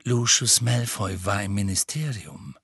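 A man's voice: on the low side, animated, unhurried, creaky, fairly bright tone, husky, no echo, clean studio sound, heavily acted. A man reading an audiobook, voicing a kindly father who talks in a mild, informative way.

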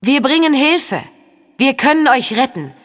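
A woman voicing a young woman who speaks through a lying spirit, slow, insistent and persuasive, in an audiobook. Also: high voice, very animated, long reverb tail, voice pushed up. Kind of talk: audiobook character voice.

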